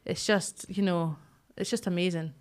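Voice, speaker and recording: A woman's voice: fairly low pitch, fairly even intonation, moderate pace, slight background noise. A woman with a Scottish accent chatting casually in a frank, colloquial way. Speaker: stand-up comedian. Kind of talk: casual chat.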